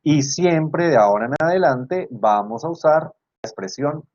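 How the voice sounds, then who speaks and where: His voice a little high and a little mellow, expressive and at a moderate pace, a Colombian-accented university tutor teaches online and goes over student work. He explains each step, repeats key points and checks understanding; the video call computer mic gives slightly dull lo-fi sound.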